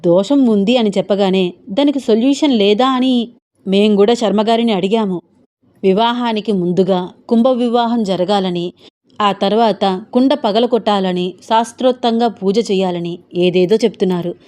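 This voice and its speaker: A woman's voice: mid-range voice, moderate pace, a little mellow, lightly acted. A woman voicing a bossy older aunt who commands and explains family matters in a storybook reading. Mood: commanding.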